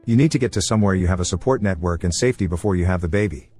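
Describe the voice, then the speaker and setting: A man narrating forum posts as a story, reading quickly with few pauses. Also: deep voice, dark tone, soft background music. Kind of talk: fast scripted story reading.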